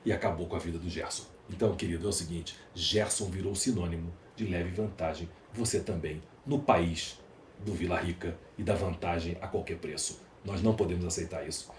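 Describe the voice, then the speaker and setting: Speaking quite quickly in a low register, this Brazilian podcast guest makes his case emphatically, piling up lists and rhetorical questions. It's a conversational interview monologue, recorded in an echoey room with a little background noise.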